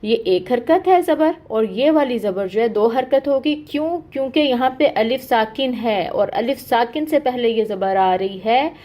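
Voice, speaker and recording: A woman's voice: on the high side, animated, moderate pace, hardly any pauses, mellow. A woman teaching Quran recitation in an online lesson. She explains patiently, step by step, checks in with "okay" and draws out the sounds she demonstrates.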